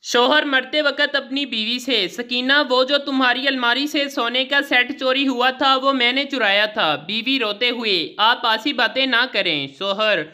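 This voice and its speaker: A woman reading a string of short jokes aloud, with a brisk, even storytelling delivery that leads into each punchline. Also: high voice. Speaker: joke reader.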